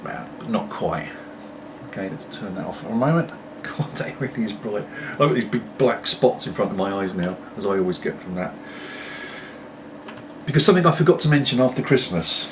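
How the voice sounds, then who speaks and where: A middle-aged British pipe-smoking vlogger talks briskly and expressively in a fairly low voice. Puffing away at home, he rambles casually to camera and tosses in apologies. The mic is far off and the background noisy.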